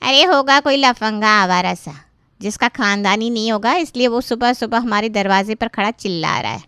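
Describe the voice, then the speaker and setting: A woman voicing the groom's greedy, loud, complaining aunt in a cartoon. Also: normal speed, smooth, no room sound. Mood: scornful. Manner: shrill, complaining, pushy. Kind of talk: cartoon voice acting.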